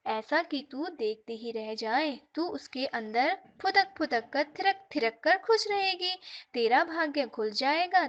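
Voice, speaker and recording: A woman's voice: sits high, a bit bright. A woman voicing a rich, greedy merchant who boasts and coaxes, heard on a dull lo-fi recording. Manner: coaxing, boastful pleading.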